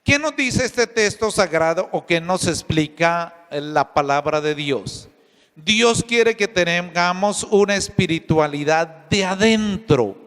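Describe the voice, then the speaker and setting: Male priest from Colombia, unhurried storytelling sermon in a reverberant hall. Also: sits high, a bit bright. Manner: storytelling preacher, addresses listeners as brothers.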